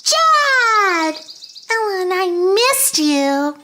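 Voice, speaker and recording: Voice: extremely high pitch, sing-song, extremely slow, sharp tone, slight background noise, full character voice. A performer voicing a sweet but violently bratty little girl in a comic audio drama. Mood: excited.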